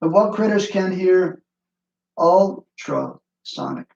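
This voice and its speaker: Male science teacher, chatty and quizzing, high voice, roomy dull online-class audio. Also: measured pace, darkish tone. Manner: playful, chatty, quizzes students by name. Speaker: physics teacher.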